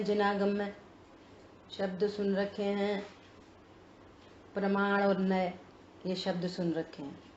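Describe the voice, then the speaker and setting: A woman's voice: mid-range voice, a little mellow, slight background noise. A woman leading a religious text study class. She explains step by step and keeps checking that listeners follow. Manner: reads sutra phrases word by word. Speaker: scripture study teacher. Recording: roomy, dull lo-fi sound.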